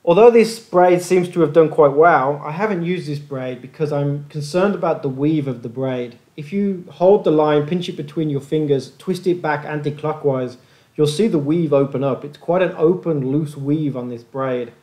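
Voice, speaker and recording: A man's voice: on the high side, normal speed, darkish tone. A man hosting a fishing channel, narrating a methodical review of gear tests over slides in a plain-spoken way.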